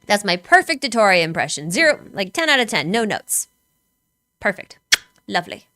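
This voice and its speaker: A woman's voice: mid-range voice, very animated, moderate pace, bright, forceful tone, dry recording, studio quality. A woman streamer in casual chat, talking speculatively with many filler words.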